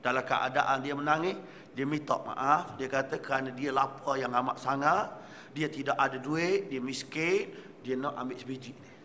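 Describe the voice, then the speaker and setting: A man, a religious teacher telling a story in an animated sermon and joking with his listeners. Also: mid-range voice, normal speed. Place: prayer hall. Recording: reverberant hall, faint noise.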